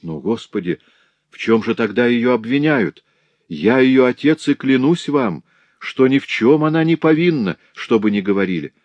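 A man's voice: medium pitch, animated, moderate pace, dry recording, lo-fi sound, voice pushed up, natural voice. A man voicing an enraged grieving father. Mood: anguished. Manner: anguished shouting, bitter outbursts. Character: grief-stricken, enraged old artisan father. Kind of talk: audiobook character voice.

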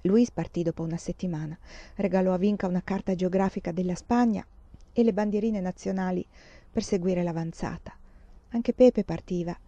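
A woman reading a novel aloud in measured audiobook narration. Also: fairly low pitch, mellow, dry recording, muffled recording. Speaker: reader.

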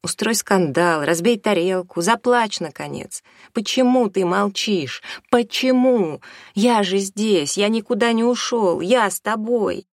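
A bitter, resentful teenage boy, sarcastic and accusing, as the reader voices him. The voice rises above the narration, with a gravelly edge. It is closely miked and dry, as in an audiobook. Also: mid-range voice, a little slow, no room sound. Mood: desperate. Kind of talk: audiobook character reading.

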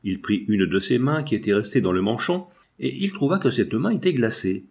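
A man reading a classic novel aloud in a measured, even narration. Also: medium pitch, vocal fry. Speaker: audiobook reader.

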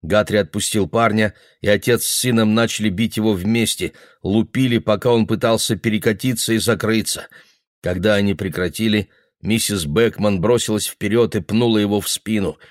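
A man reading a novel aloud in a steady, even narration. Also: fairly low pitch, normal speed, dry recording, studio quality. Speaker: audiobook reader. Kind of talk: literary narration.

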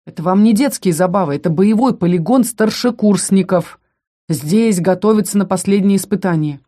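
Woman doing a sneering rough young fighter. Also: medium pitch, normal speed, lightly acted. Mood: angry. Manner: loud, sneering, barking. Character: brash young male combat student, mocking and rough.

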